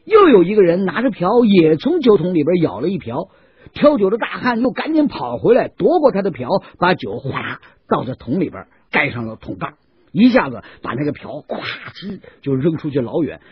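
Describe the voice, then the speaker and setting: Guy narrating an audiobook, husky highish voice, dull dry lo-fi sound. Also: moderate pace, no echo. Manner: lively, expressive telling. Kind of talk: storytelling narration.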